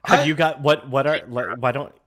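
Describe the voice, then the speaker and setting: A man co-hosting a talk show, teasing the guests and cutting in with quick questions over a video call. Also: mid-range voice, fairly even intonation, a bit bright. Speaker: podcast co-host. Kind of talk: casual chat.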